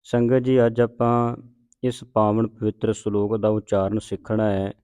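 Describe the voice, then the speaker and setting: A man with a Punjabi accent teaching the correct pronunciation of sacred verses, speaking slowly and repeating each word with deliberate care. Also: fairly low pitch, little pitch movement, warm tone, clean tone, no echo, clean studio sound. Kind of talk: slow recitation lesson.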